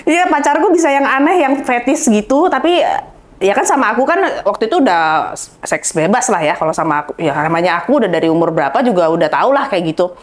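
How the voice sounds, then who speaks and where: Fast-talking woman telling candid stories. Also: mid-range voice, lively intonation. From Indonesia. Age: adult, married. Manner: fast, candid storytelling with frequent laughs. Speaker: guest. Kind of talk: candid talk-show conversation.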